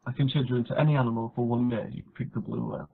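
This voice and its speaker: A man's voice: medium pitch, steady tone, creaky. Teasing man on a phone-like line. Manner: teasing, asks quick questions. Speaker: podcast co-host. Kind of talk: casual chat. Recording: phone-like line with faint noise.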